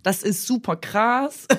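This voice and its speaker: A middle-aged woman co-hosting a podcast, talking with enthusiasm in casual chat and often pausing on filler sounds. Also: mid-range voice. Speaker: podcast co-host.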